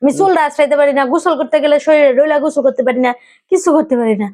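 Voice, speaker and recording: A woman's voice: high-pitched, rapid-fire, a little mellow. A woman playing an aggrieved wife in a family quarrel skit, complaining and scolding. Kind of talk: acted domestic quarrel skit.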